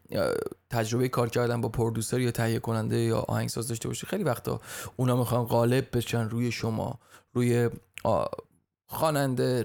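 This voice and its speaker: Podcast guy with a gravelly voice, chatty storytelling, keeps stumbling n restarting. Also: mid-range voice, a little mellow. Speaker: podcast host.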